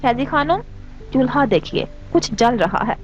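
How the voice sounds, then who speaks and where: A woman's voice: fairly high pitch, lively intonation, a little slow, muffled recording, music in the background. Woman voicing a teasing young man. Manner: teasing and playful. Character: mischievous, teasing young man, the hero's friend.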